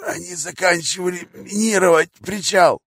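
A man voicing a frightened male captive who wheezes and croaks his answers in short, clipped bursts. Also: sits high, steady tone, normal speed, fairly bright tone, no room sound, studio quality, voice pushed up, heavily acted. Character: hoarse, frightened male captive under interrogation.

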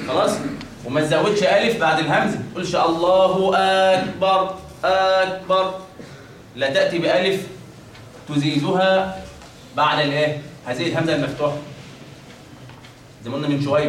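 A man's voice: fairly high pitch, slight background noise. A man with an Egyptian accent teaching the pronunciation of the call to prayer. He repeats each sound and checks that his students follow. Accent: Egyptian Arabic. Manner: drills pronunciation, repeats examples, checks with "خلاص؟". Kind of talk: classroom lesson with demonstrations. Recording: echoey room, mic at a distance, faint ambience.

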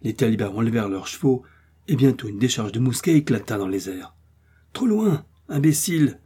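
Husky-voiced male audiobook narrator. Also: lowish voice. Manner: steady, measured storytelling. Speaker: audiobook reader.

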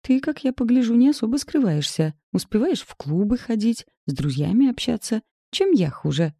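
A woman's voice: sits low, big pitch swings, brisk, dark tone, dry recording. A woman voicing a tipsy, defiant young woman snapping back.

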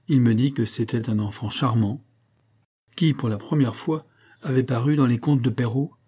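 A man reads a classic novel aloud in calm, measured narration. His voice is mellow and warm, sitting at an ordinary middle pitch. The delivery is steady and literary, suited to an audiobook. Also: slightly rough. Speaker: audiobook reader.

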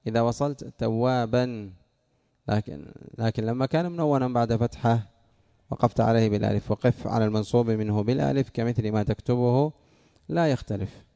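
A man's voice: mid-range voice, vocal fry, dark tone, clean tone. A man teaching a classroom lesson, explaining rules step by step and quizzing his students with questions. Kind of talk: classroom lesson on Arabic morphology.

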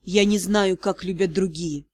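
A woman voicing a young male magister in a hushed, hoarse way. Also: medium pitch, measured pace, pitched below the performer's own voice, lightly acted. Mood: pleading. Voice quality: hoarse, muffled.

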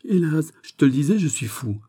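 A man's voice: fairly high pitch, very animated, a little fast, mellow, voice pushed up. A man voicing a distraught, impulsive young nobleman who fires off agitated questions.

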